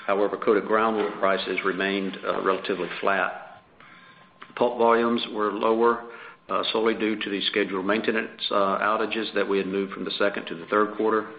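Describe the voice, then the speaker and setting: Over a conference call phone line, a chief financial officer presents results in a formal, businesslike, scripted earnings presentation. His fairly low voice is creaky and barely varies in pitch, moving at normal speed with slight background noise.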